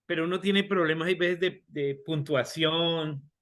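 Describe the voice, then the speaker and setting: A high-pitched man leads a Bible class over a video call. He talks slowly and unhurriedly, often repeating and restarting his words and asking the class questions as he goes. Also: steady tone, fairly bright tone. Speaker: Bible study teacher.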